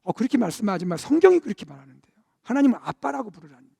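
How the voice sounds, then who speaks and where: A middle-aged pastor preaching in a high, bright voice. He talks to the congregation in a chatty way, rising to loud emphasis and sinking to soft, breathy asides. The sound is close and dry. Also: very animated, very fast, no echo. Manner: warm conversational preaching, swells to loud emphasis then drops to near-whispers. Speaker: senior pastor. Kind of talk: sermon.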